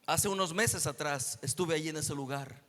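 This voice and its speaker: A man's voice: on the high side, normal speed, fairly bright tone. A man preaching as a guest pastor, telling a healing story and acting out the dialogue. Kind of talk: sermon testimony. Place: church hall. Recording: echoey church hall.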